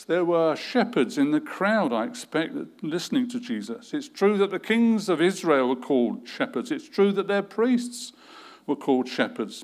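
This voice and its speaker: Preacher telling lively stories. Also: male voice, on the high side. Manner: lively, dramatic storytelling with vivid repetition. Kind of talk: sermon with storytelling.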